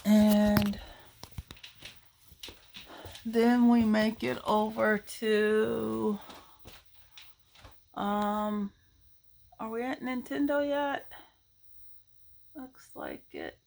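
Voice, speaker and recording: A woman's voice: mid-range voice, creaky, fairly bright tone. A middle-aged woman rambling nostalgically about her game collection in a casual chat, with lots of ums and uhs. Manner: rambling, nostalgic, many fillers.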